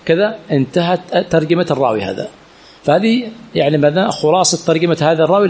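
With a creaky, darkish, somewhat high voice carrying a breathy edge, this man leads a hadith chain studies class as a sheikh. The lesson, held in a religious teaching center, includes Q&A, and he frequently poses rhetorical questions to students while repeating key terms.

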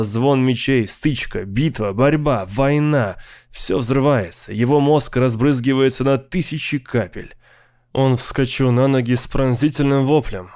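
A man's voice: medium pitch, darkish tone, smooth, dry recording, studio quality. Man reading a dramatic audiobook. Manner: acts out the character's cries with rising intensity. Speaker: audiobook narrator.

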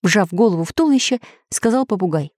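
A woman narrating a children's story in an expressive reading voice. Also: medium pitch, quick pace, no room sound, clean studio sound.

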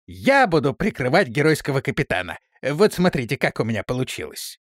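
A man's voice: medium pitch, sing-song, brisk, no room sound, clean studio sound. A man voicing Stuart, a hot-tempered male onion-headed clone soldier who blusters and shrieks, in an audiobook reading. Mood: eager. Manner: shouting, blustering.

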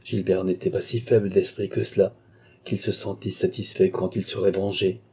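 Dark husky male narrator. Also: sits low. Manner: measured, even reading of a classic novel. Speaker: audiobook reader. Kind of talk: scripted narration.

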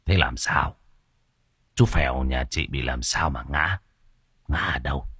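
A man voicing a stern older village healer and sorcerer who scolds gruffly and barks orders, in an audiobook story. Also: extremely low pitch, measured pace, fairly bright tone, dry recording, studio quality, voice pushed down, heavily acted. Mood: gruff scolding.

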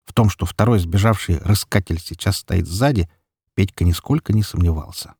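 A man reading a dark story as an audiobook narrator in a steady, even telling. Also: sits low, moderate pace, slightly rough, dry recording, clean studio sound.

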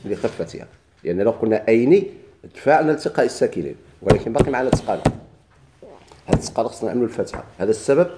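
A man's voice: mid-range voice, lively intonation, very fast, very noisy. A man with a Moroccan accent teaching a grammar lesson, putting questions to his students and answering them himself, repeating each key point.

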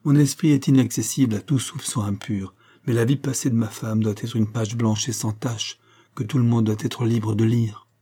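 A man reading an audiobook, voicing an honorable army captain who speaks gravely and insistently to his fiancée. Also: medium pitch, fairly even intonation, moderate pace, warm tone, close to an everyday voice.

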